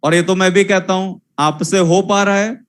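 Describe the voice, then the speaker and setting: A man's voice: sits high, fairly even intonation, moderate pace, clean tone. A young man teaching a zoology class, lecturing and scolding his students again and again in a repetitive way.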